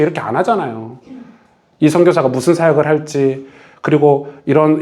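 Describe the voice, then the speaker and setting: A male pastor giving a Bible study lecture in a church, often asking his listeners questions. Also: on the high side. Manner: animated, asks the audience questions.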